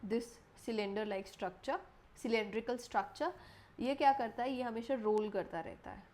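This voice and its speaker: A young woman gives an exam-prep lesson from a room at home, explaining each idea step by step. She poses questions to her students and answers them herself. She stops to correct herself and goes back over the main points. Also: fairly high pitch. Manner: self-correcting, repeats key points. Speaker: teacher.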